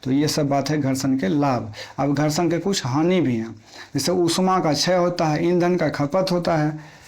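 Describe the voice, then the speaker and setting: A man's voice: on the high side, normal speed, a little mellow. A man teaching an exam-prep physics lesson in plain everyday Hindi, repeating key points and asking questions he answers himself.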